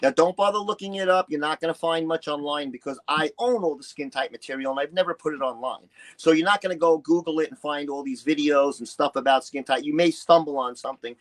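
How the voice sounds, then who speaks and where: This retired musician and bodybuilder talks fast in a fairly high voice, barely pausing. An early-60s New Yorker, he's a candid interview guest telling personal stories, blunt, emphatic and profane, acting out other people's remarks.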